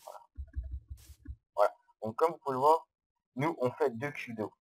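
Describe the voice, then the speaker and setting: A man giving casual, hesitant gameplay commentary, explaining step by step on a low-quality microphone. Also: moderate pace, a little hiss or hum. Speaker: Minecraft let's-player.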